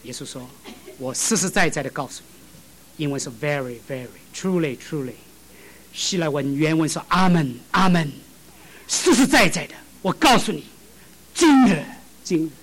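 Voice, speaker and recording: High-voiced preacher with big swings. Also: male voice, lively intonation, moderate pace, long pauses. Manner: storytelling with acted dialogue, swings from loud to hushed. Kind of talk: sermon.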